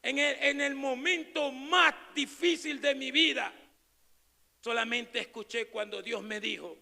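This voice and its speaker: A man preaching an evangelical sermon as pastor, swinging between shouted proclamation and low, quiet asides. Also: a little slow, creaky, in a large hall.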